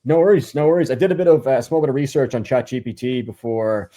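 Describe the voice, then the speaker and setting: A podcast host with a medium-pitched, dark-toned voice talks fast as he reads a guest introduction for an interview. He sounds hesitant, with many fillers and restarts.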